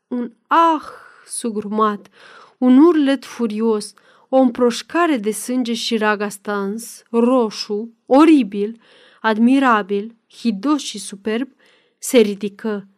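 Reading a dramatic novel for an audiobook, this woman narrates at an even, deliberate pace. Her pitch is a touch higher than that of most women.

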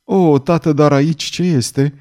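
A frail, frightened young girl, voiced by a man reading aloud. The voice sits well above his usual one, soft, breathless and pleading. An audiobook character voice. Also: high voice, animated, pitched above the performer's own voice.

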